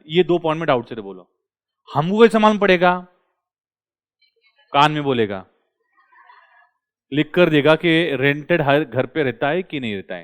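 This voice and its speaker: A male commerce tutor, lecturing a classroom and quizzing his students with quick questions. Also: on the high side, fairly bright tone.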